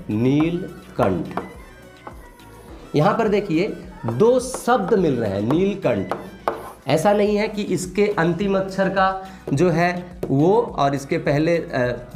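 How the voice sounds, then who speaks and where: Echoey Hindi grammar teacher, man. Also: fairly high pitch. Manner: explains slowly, repeats a confirming tag often. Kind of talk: classroom grammar lesson. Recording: echoey room, faint music.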